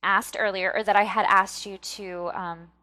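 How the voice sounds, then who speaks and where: A woman's voice: mid-range voice, steady tone, moderate pace, pushed and bright, dry recording. A woman hosting a casual pick-a-card reading, chatting to viewers and often checking in, with slightly thick-tongued, stumbling articulation. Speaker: tarot reader and video host.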